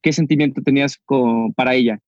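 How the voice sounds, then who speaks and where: Man asking gentle questions. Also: mid-range voice, fairly even intonation, brisk, no room sound, dull audio. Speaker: podcast host. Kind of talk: interviewer questions.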